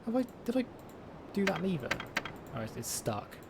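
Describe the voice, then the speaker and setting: A man's voice: sits high, sing-song, normal speed, vocal fry, very noisy. A man streaming a puzzle game, talking casually and rambling as he plays, often breaking off and restarting his sentences. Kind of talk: casual let's-play commentary. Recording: game music loud underneath. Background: loud game music.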